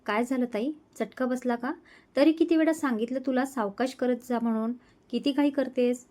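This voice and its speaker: A woman's voice: high-pitched, normal speed, dark tone, close to an everyday voice. A woman voicing a caring little boy in a storybook reading, fussing over his older sister. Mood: worried. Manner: worried, affectionate.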